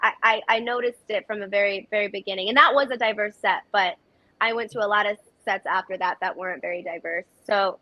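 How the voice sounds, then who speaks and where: A woman's voice: mid-range voice, fairly even intonation, fairly quick, sharp tone, dry recording, poor audio. A woman actress giving earnest, reflective interview answers with frequent restarts. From United States. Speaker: actress, guest.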